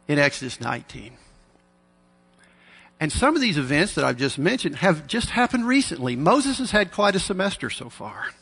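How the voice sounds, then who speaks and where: A man delivers a sermon into a pulpit microphone, his fairly high voice catching into gravel. He talks in an earnest, measured way with dry asides. The sound rings with the long reverb of a large hall. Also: fairly bright tone. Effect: preaching into a pulpit microphone. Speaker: preacher.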